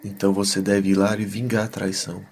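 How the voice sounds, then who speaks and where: A man's voice: on the low side, little pitch movement, fast talker, darkish tone, a little hiss or hum, natural voice. A man playing an earnest, questioning young adventurer, a loyal companion in a fantasy audio drama.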